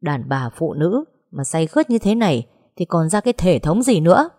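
A woman's voice: fairly low pitch, very animated, normal speed, warm tone. A woman voicing a short-tempered middle-aged father who scolds his family in an audio story. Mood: scolding. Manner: scolding, gruff.

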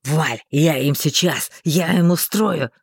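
A woman voicing an impulsive young male fire mage who is eager and quick to flare up. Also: deep voice, creaky, slightly rough, no echo, studio quality, voice pushed down, full character voice.

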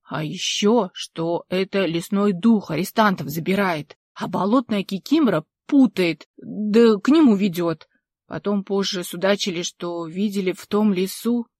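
A woman's voice: medium pitch, measured pace, darkish tone, no echo, clean studio sound, natural voice. A woman doing a folksy old village storyteller. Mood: folksy storytelling. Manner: folksy, emphatic, rustic speech.

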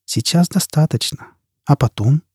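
A man's voice: a little high, a little slow, darkish tone, breathy edge, dry recording, clean studio sound, voice pushed up. A man voicing a fierce, scornful young woman. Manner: scornful, taunting. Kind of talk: audiobook character voice.

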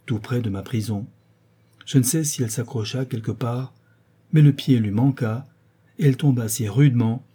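A man narrating a classic novel as an audiobook, expressive and measured. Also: mid-range voice, slightly rough.

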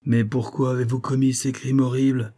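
A man voicing a stern male police prefect, formal and measured. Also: medium pitch, little pitch movement, warm tone, lightly acted.

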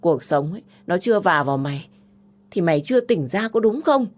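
A woman voicing a bossy older sister who scolds loudly and harshly. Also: fairly low pitch, lively intonation, fairly quick, voice pushed up. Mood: furious.

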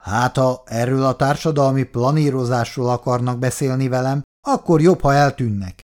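A man voicing a rude, quarrelsome younger tenant who snaps and mocks in a gruff, loud way, in an audiobook reading. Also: mid-range voice, pitched above the performer's own voice, close to an everyday voice. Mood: hostile. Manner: gruff, shouting, mocking.

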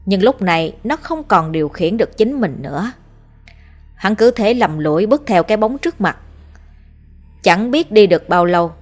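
A woman reading a horror story aloud in a measured, somber narration. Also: medium pitch.

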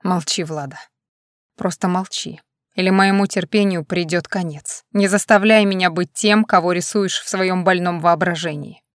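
A woman's voice: on the low side, fairly even intonation, moderate pace, dry recording, studio quality, close to an everyday voice. Woman voicing an arrogant, menacing man. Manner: cold, mocking, menacing. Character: domineering man, arrogant, possessive lover.

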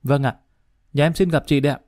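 Figure: a man doing a jealous, hot-tempered wife. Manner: sharp-tongued. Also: on the high side, fairly even intonation, quick pace, no echo, studio quality, natural voice. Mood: fawning. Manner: sharp-tongued, then fawning.

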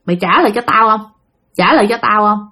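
A woman voicing the ghost of a dead man, who roughly demands his bed back. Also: mid-range voice, sharp tone. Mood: angry. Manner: rough, demanding, rapid scolding.

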